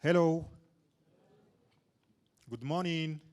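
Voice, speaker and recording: Man, official speaker, formal, measured, light humor, slightly high voice. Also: darkish tone, smooth. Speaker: youth official giving a speech. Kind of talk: formal conference address.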